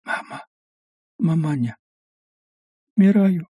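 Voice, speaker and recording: A man voicing a young peasant woman buried alive, pleading and wailing in a high strained voice. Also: animated, slow, warm tone, slightly rough, no echo, clean studio sound, exaggerated voice. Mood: desperate pleading.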